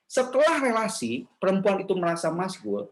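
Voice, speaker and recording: A man giving a lively, casual sermon to a women's church gathering, asking the audience questions and slipping into quoted voices. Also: sits high, brisk. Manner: animated, jumps into playful quoted voices and asks the audience questions; casual slangy talk mixed with formal preaching.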